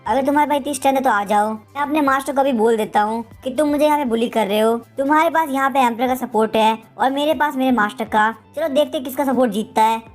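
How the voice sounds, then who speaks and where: A smug young prince mocks his rivals and brags about his strength, as a woman reads his lines. The voice sits high and moves fast. Faint music plays underneath. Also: natural voice. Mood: taunting. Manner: taunting, boastful. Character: brash arrogant young male prince, mocking.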